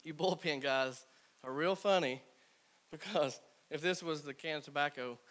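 A man in his thirties tells a team stories from his playing days, acting out his old teammates as he goes. His voice sits fairly high for a man, and it drops to soft murmurs for the asides. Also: moderate pace. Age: 30s. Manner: animated storyteller, acts out quoted teammates. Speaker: former college baseball player speaking to a team. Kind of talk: storytelling talk to players.

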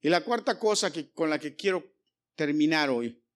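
A man's voice: a little high, lively intonation, moderate pace. Emphatic preacher man. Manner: emphatic, swings between loud calls and hushed lines; addresses congregation directly with rhetorical questions. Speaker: pastor. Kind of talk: sermon.

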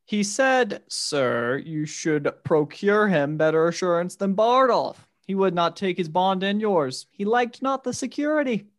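A man voicing a quick, cheeky young page boy who reports back to his master. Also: high voice, expressive, pitched above the performer's own voice. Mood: pert. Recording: tinny phone-like sound in an echoey room.

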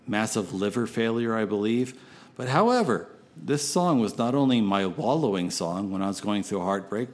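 A man working as a late-night radio DJ, rambling between songs in a folksy, theatrical and profane way. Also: fairly low pitch.

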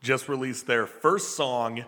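A man's voice: medium pitch, slow, pushed and bright. A man co-hosting a music podcast, casually sharing release news with a long echo around his voice. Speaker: podcast co-host. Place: echoey basement. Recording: long echoey reverb of a basement.

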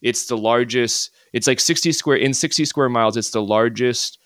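A man's voice: medium pitch, moderate pace, fairly bright tone, smooth, dry recording, clean studio sound. An American man talking as a podcast guest, telling stories in a rambling way with many restarts and "like" fillers. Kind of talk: casual interview chat.

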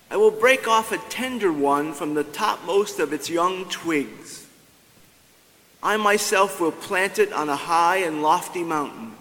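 A man reading scripture aloud at Mass in a measured, solemn way, his voice ringing with long cathedral echo. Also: sits high, fairly bright tone. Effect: long cathedral-like church reverb. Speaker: lector. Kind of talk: slow liturgical scripture reading. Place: large church. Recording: long church hall reverb.

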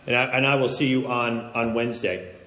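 A man's voice: mid-range voice, steady tone, fairly quick, bright, forceful tone, pitched below the performer's own voice, natural voice. A man voicing a stern male university professor in a sermon story, speaking in a clipped way. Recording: roomy hall reverb.

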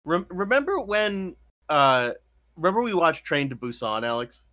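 A man's voice: fairly high pitch, moderate pace. A man co-hosting a podcast, bringing up news items and joking about them in casual talk. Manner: animated, joking, reads headlines aloud. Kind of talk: casual political chat.

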